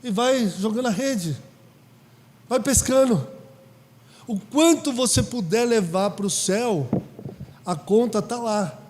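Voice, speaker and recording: A pastor preaching a sermon in a conversational way, asking the congregation questions. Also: male voice, high voice, expressive, slow pace, pauses often, darkish tone, slight background noise. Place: church hall. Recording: reverberant church hall.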